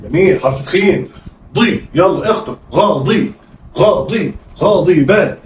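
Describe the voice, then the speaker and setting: A man's voice: sits high, expressive, measured pace, a little hiss or hum. A man with an Egyptian accent teaching children to read Arabic, coaxing them through call-and-response drills and prompting them again and again. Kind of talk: children's reading lesson. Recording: roomy, distant, slightly dull audio.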